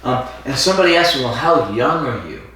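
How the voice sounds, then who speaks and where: A man's voice: mid-range voice, very animated, brisk, bright, forceful tone. A man of fifty co-hosting a podcast, chatting casually and lecturing with strong opinions. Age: 50s. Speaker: podcast co-host. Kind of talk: casual chat. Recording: echoey room, mic at a distance, faint noise.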